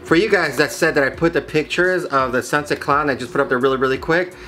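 A snake breeder in his thirties or forties shows off his collection to viewers in a small indoor reptile rack room, talking casually and enthusiastically with slangy superlatives. His voice is fairly high, fast, bright and forceful. The room ambience is noisy.

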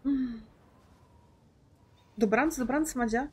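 Slow-talking woman gamer. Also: high-pitched, darkish tone, breathy edge. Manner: chatty, confused, talks to viewers and herself. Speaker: gaming streamer. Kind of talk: casual let's play commentary.

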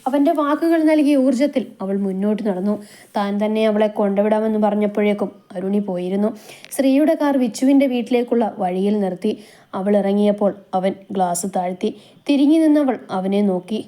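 A woman reading a romance story aloud as a storyteller, in a steady, emotive manner. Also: medium pitch, fairly quick. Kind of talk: scripted narration of a romance story.

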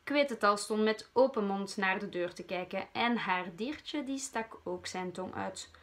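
A woman's voice: mid-range voice, unhurried. A Flemish woman teacher reading a storybook aloud to children.

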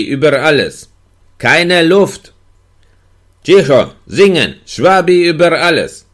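A man giving a measured, expressive first-person reading of a literary novel as an audiobook. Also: on the low side. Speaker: audiobook reader.

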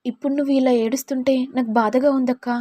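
A woman voicing a caring middle-aged mother-in-law who speaks gently and consolingly. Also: high-pitched, fairly even intonation, fast talker, dry recording.

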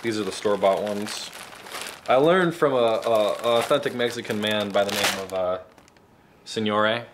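A man in his twenties with a lowish voice hosts a comedic mock cooking tutorial in his home kitchen, delivering it haltingly and deadpan. Someone nearby holds the camera, whose mic picks up noisy audio and room noise.

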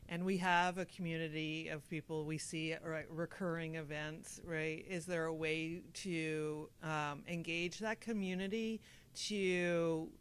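A woman's voice: low voice, fairly even intonation, measured pace, clear, resonant tone. A woman on a discussion panel, reflective and searching, posing questions aloud into a handheld mic. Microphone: handheld microphone.

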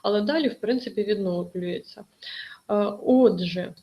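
A woman's voice: medium pitch, normal speed, muffled recording. A woman teaching an online exam-prep lesson, explaining carefully with many hesitations.

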